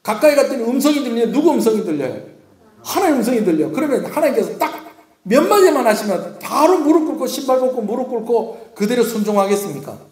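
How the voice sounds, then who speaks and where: A man's voice: very high voice, sing-song, quick pace, darkish tone. A male pastor preaching at a Friday prayer meeting in a church sanctuary. He keeps asking the congregation questions and then answers them himself. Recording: echoey church room.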